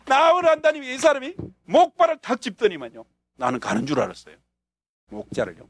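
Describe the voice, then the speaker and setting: Male pastor, North Korean accent, high wildly swinging voice, dry close sound, animated storytelling sermon. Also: no echo. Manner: animated, acts out scenes, bursts of shouting and laughter. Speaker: pastor and missionary.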